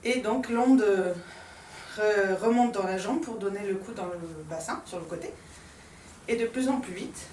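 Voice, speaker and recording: A woman dance teacher giving a calm step-by-step lesson, demonstrating moves and marking accents with short sounds like "pam". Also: mid-range voice, a little slow, a little hiss or hum. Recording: echoey room from far off.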